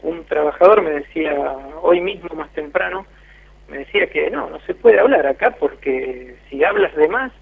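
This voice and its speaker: Over a tinny phone line, a man with an Argentine Spanish accent reports for a radio interview, hesitant and full of fillers and restarts. His voice is a little high, creaky and husky, with lively intonation at a moderate pace.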